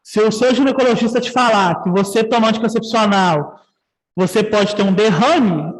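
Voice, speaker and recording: A man's voice: high-pitched, moderate pace, big-room sound, low-quality recording. A man with a Brazilian Portuguese accent teaching a nursing ethics class online, talking conversationally and often checking in with his students.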